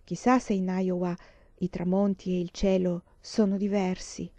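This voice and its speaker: A woman reading the lines of a gentle blind teenage girl about to leave home, softly and wistfully. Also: lowish voice, level tone, normal speed, no echo, close to an everyday voice. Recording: dull lo-fi dry recording.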